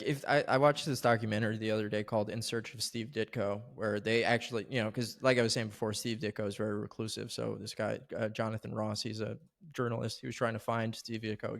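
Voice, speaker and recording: Rambling, gravelly-voiced male podcaster. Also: fairly low pitch. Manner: rambling, many restarts and fillers, retells quotes animatedly. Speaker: podcast co-host. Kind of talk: casual podcast chat.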